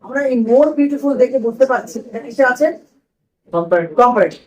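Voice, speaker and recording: A man's voice: extremely high pitch, animated, fairly quick, a little mellow, muffled recording. A man teaching a grammar lesson to a class in a classroom, asking questions and repeating the students' answers.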